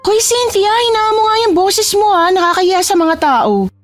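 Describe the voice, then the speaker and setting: Woman putting on a shrill bratty flirt. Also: normal speed, dry recording, soft background music. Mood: scornful. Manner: shrill, mocking, vain. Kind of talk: dramatized storytelling.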